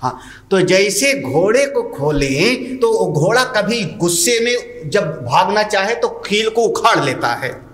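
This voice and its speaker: A man with a high voice gives a slow-paced sermon on scripture. He chants Sanskrit verses carefully and then explains them in plain, homely Hindi. The recording rings with echo. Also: big pitch swings, fairly bright tone. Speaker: swami teaching scripture. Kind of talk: sermon-style scripture commentary.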